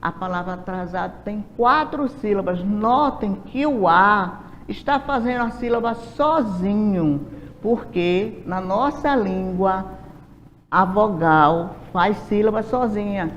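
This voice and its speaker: Slow, patient Brazilian woman teacher. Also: medium pitch, slight background noise. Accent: Brazilian Portuguese. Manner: slow, patient, asks rhetorical questions. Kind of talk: recorded classroom lesson. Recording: dull lo-fi sound in a reverberant room.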